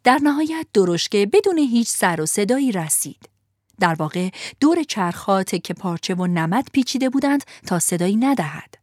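A woman narrating a storybook in an expressive, vivid manner. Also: medium pitch, no echo, clean studio sound.

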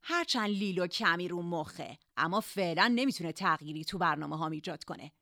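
A cold, scheming gang leader, as a man reading an audiobook puts him on, raised somewhat above his own pitch and kept quiet and even. The delivery is cool and superior, in a dry, close recording. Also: vocal fry, no room sound, full character voice. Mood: commanding.

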